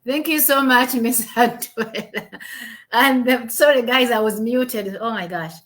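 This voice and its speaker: This Ugandan woman's fairly bright voice sits on the high side and moves a little slowly as she hosts an upbeat livestreamed business talk. Her casual chat is packed with fillers and repeated words, recorded through a home computer mic on a video call.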